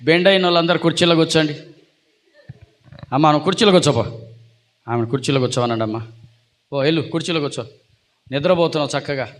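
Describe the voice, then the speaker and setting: High-voiced preacher calling to his church. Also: fast, long pauses. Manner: calls out to the congregation for responses; teasing, jokes with listeners. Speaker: pastor. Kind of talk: Telugu church sermon.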